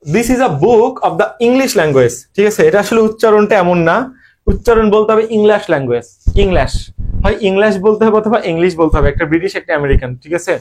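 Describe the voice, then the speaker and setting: A man's voice: sits high, quick pace. A young man with a Bangladeshi Bengali accent teaching English grammar in an online admission-prep lesson, drilling students with rhetorical questions.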